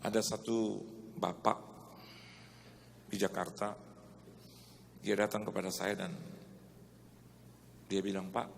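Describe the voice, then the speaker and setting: A man's voice: lowish voice, level tone, slow pace, gravelly, pauses often, slight background noise. A male pastor preaching a sermon, telling a story and acting out both sides of a conversation. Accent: Indonesian. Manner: storytelling, quoting dialogue in changing tones. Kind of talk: sermon with acted-out anecdote. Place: large church hall. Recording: long hall reverb, faint ambience.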